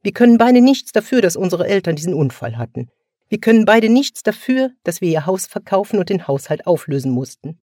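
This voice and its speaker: Man voicing a pushy older sister, mocking, reproachful, a little raised, husky edge. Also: high-pitched, big pitch swings, a little fast, a little mellow, dry recording, clean studio sound, voice pushed up. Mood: scornful.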